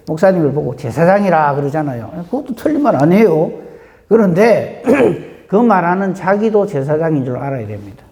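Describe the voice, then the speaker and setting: A man preaching a dawn prayer sermon in a conversational way, often clearing his throat and asking the congregation questions. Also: sits high, dark tone, big-room sound. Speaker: pastor.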